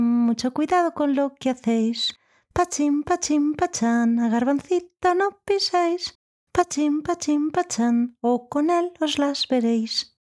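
A woman voicing a tiny, brave little boy in a children's story, with a high, slow, sing-song child voice. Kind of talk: storybook acting.

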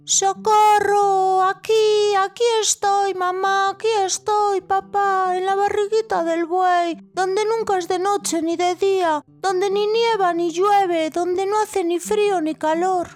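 A woman voicing a tiny, brave little boy in a children's story, with a high, slow, sing-song child voice. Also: animated, faint music behind. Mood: crying for help. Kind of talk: storybook acting.

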